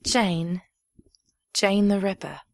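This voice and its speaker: A woman's voice: mid-range voice, takes it slowly, a little hiss or hum. An actress playing a prim, composed Victorian lady killer with theatrical menace in a fan audio drama. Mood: coolly menacing.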